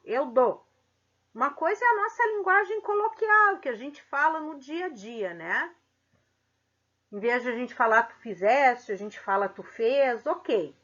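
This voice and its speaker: A woman teacher with a high, bright, forceful, and expressive voice gives a middle school grammar lesson. She explains slowly and puts questions to the class, and the sound is dull and lo-fi.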